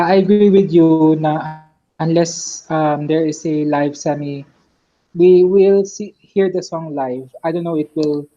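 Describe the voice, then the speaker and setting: A woman's voice: sits low, mellow, muffled recording. A woman with a Filipino accent hosting a casual panel chat, steadily leading the talk and hedging her opinions. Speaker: podcast host and moderator.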